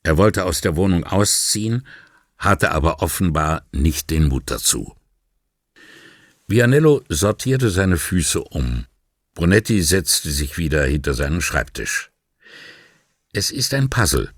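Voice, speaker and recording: A man narrating a crime novel audiobook in a measured reading style, lightly voicing the dialogue. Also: low voice, very animated, no room sound, studio quality. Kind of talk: scripted narration.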